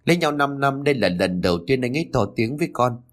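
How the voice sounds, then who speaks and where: A man's voice: mid-range voice, lively intonation, quick pace, close to an everyday voice. A man voicing a jealous young wife in a spoken story, scolding and tearful. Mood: wailing. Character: jealous, shrill young wife, quick to fury.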